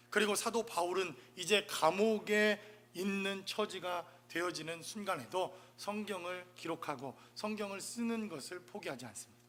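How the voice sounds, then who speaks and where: Guy pastor giving a sunday sermon, pretty high voice, bright and forceful, keeps asking the church stuff. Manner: preaching with rhetorical questions to the congregation.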